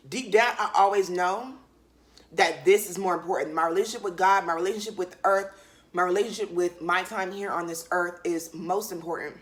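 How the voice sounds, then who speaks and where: Casual woman chatting while eating. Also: medium pitch. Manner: candid and relaxed, loose slang, frequent fillers. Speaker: vlogger. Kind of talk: casual chat to camera.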